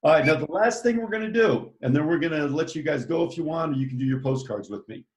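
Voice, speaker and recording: A man's voice: fairly high pitch, expressive, fast talker. A man teaching a children's art lesson, talking chattily and enthusiastically as he walks them through each step. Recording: echoey room.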